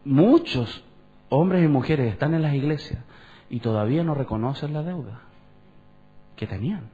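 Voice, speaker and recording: A pastor, preaching conversationally and asking the congregation questions. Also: male voice, mid-range voice, normal speed, mellow, faint music behind. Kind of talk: sermon. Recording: dull lo-fi church recording.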